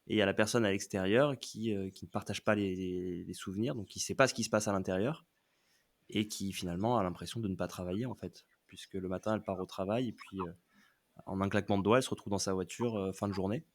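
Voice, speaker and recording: A man, a podcast guest, explaining a series in a casual, hesitant way with many pauses. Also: low-pitched, fairly even intonation. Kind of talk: casual chat.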